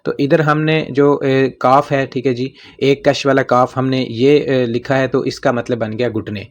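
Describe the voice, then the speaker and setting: A man with a Pakistani accent teaching vocabulary in a casual spoken lesson, patiently repeating each word and often pausing with fillers. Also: medium pitch, fairly even intonation. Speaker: language teacher.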